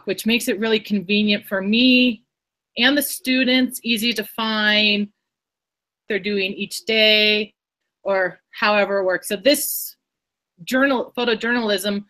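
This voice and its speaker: A woman teacher talks through how she built a lesson. Her voice is bright and forward. She rambles in a chatty way and restarts her sentences often. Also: mid-range voice. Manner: rambling, self-correcting, chatty. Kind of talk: casual explanation in an online workshop.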